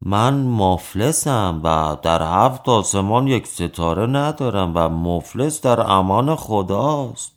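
Shameless idle swindler, low n draggy n resigned, man reading it. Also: animated, hardly any pauses, lightly acted.

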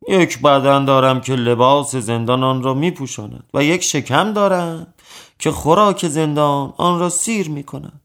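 A man voicing a lazy, shameless swindler in prison in a storybook tale, speaking low, slow and resigned. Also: fairly bright tone.

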